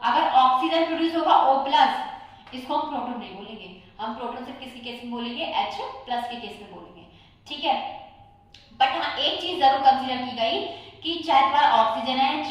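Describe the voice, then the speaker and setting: Woman teacher, high voice, quizzing and self-answering, distant mic in a very echoey room. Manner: poses questions and answers them herself. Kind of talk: exam-prep chemistry lecture.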